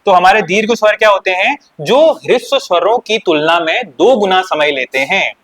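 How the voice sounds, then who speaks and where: A man's voice: high-pitched, lively intonation, moderate pace, a bit bright. A male teacher giving an exam-prep grammar lesson who asks questions and answers them himself, repeating key points. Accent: Uttarakhand Hindi.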